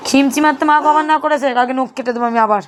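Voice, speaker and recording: A woman's voice: sits high, fairly even intonation, very fast, slight background noise. A young Bengali mother talking to her baby at home at night, firm scolding that turns into sing-song baby talk. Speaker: mother vlogger.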